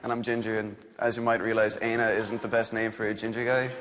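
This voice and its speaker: A man's voice: fairly low pitch, level tone, quick pace, in a large hall, a little hiss or hum, low-quality recording. A young man from Galway with a west of Ireland accent, rambling through casual, self-deprecating stage patter. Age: young adult. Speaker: dating show contestant, drama student. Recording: loud music behind the voice. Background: loud music.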